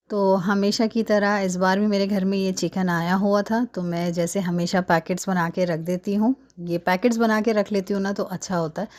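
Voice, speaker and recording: In her home kitchen, a woman in her thirties who vlogs about cooking talks through a recipe in a relaxed, chatty way, leaning often on fillers like "hai na". Her voice is medium-pitched and somewhat dark.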